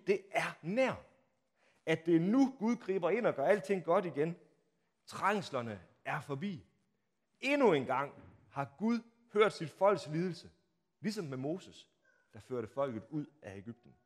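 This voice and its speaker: A man preaching a sermon, telling the story dramatically, acting out the crowd's shouts and asking the listeners rhetorical questions, swinging from hushed to loud. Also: fairly high pitch, big pitch swings. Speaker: pastor. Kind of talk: Palm Sunday sermon.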